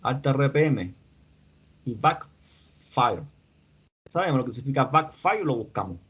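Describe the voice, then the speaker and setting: A man's voice: mid-range voice, animated, brisk, slightly rough. A man teaching an online mechanics lesson, explaining step by step and asking his students questions as he goes. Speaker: instructor. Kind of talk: online class lecture. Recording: dull lo-fi audio.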